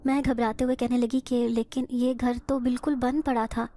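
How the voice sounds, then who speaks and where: Woman storyteller, emotional first-person horror narration, slightly high voice. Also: little pitch movement, mellow.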